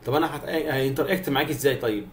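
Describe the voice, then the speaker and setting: Over a video call with slight background noise, a young man with an Egyptian Arabic accent races through a private online math lesson in a medium-pitched voice. He coaxes his students and checks that they are keeping up.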